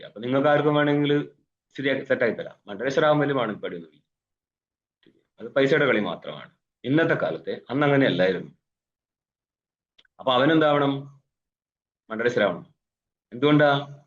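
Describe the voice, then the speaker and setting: A man's voice: a little high, highs cut off. A man teaching a scripture class as a swami, explaining by asking questions and answering them himself, with Sanskrit recitation and wry asides. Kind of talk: philosophy class lecture. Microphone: online video call.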